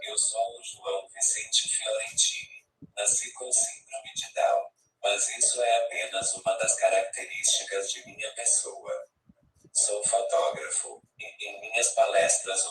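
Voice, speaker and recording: A man's voice: low voice, steady tone, a little slow, a bit bright, distant mic. A synthesized male text-to-speech voice, like an old speech synthesizer, reading a scripted first-person presentation in an evenly robotic way. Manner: robotic, evenly read delivery. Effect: speech synthesizer on tablet app. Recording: echoey, off-mic, music behind. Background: music.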